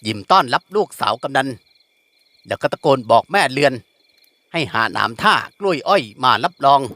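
A man narrating a classic novel in an animated storytelling manner. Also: medium pitch, normal speed, no echo. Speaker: audiobook narrator. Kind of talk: novel reading.

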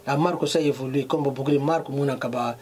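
A man's voice: medium pitch, fairly even intonation, fast talker, darkish tone, slight background noise. A middle-aged man from Congo, a fashion designer, interviewed in a clothing shop, mixing French and Lingala with emphasis. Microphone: handheld mic held by interviewer.

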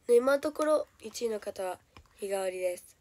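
This young woman, an idol livestreamer, talks alone to her stream in a Kansai Japanese accent, chatty and animated at a normal speed. Hoarseness pulls her voice lower than usual, and she giggles a lot and keeps slipping into quiet whispers.

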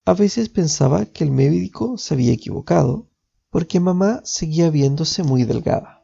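Gravelly dark male storyteller. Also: fairly high pitch, animated, normal speed. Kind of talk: storybook reading. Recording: dull lo-fi with faint music.

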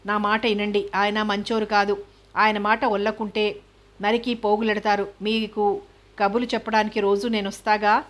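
Chatty village girl, playful and devoted, read by a woman, even pitch. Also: close to an everyday voice. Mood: earnest. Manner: rapid, confiding chatter.

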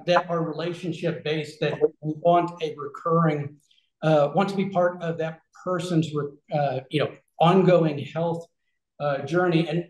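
Man, forties, webcam call, roomy small office, fairly high voice, chatty explaining, fillers and restarts. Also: a little mellow. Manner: conversational, many fillers and restarts, talks with his hands. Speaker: regenerative health concierge. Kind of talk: casual explanatory talk on a video call. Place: small room with shelves, indoors. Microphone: video call webcam. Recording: echoey room.

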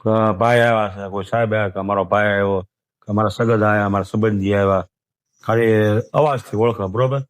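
Older man, soft and halting. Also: lowish voice, fairly even intonation. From Gujarat, India. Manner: soft, halting, often trailing off quietly. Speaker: interviewee. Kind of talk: emotional interview, plain talk.

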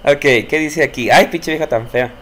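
A man's voice: fairly high pitch, normal speed, a bit bright, slight background noise. A young man with a Mexican Spanish accent playing a horror game on stream, cursing often, jumping at scares and talking back to the game's characters. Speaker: gameplay streamer. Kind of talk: horror gameplay commentary.

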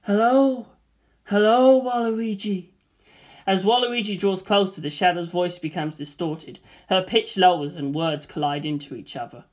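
Deadpan narrator reading a screenplay. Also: mid-range voice, normal speed, few pauses.

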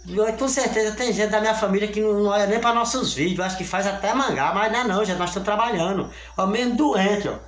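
A man's voice: high-pitched, fast, few pauses, a bit bright. An older Brazilian man, sick with fever, rambling and pleading with his viewers while he cleans up a small home kitchen, filmed on a phone camera set on the counter. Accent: Brazilian Portuguese. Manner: rambling, pleading, repeats himself. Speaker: family channel vlogger. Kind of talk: casual vlog appeal to viewers. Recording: echoey kitchen with faint ambience.

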